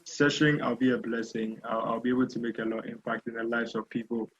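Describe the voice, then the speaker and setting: A man's voice: medium pitch, quick pace, slightly rough, highs cut off. Young Ghanaian man, chatty guest. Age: young adult. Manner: energetic, chatty with fillers. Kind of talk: casual interview.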